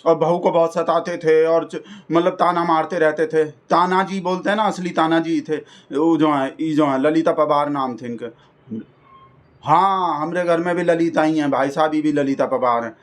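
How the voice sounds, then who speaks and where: A man's voice: on the high side, fairly even intonation, moderate pace. A man delivering a rambling, folksy satirical comedy monologue. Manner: folksy, rambling, keeps addressing the listener as brother. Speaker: comic persona host.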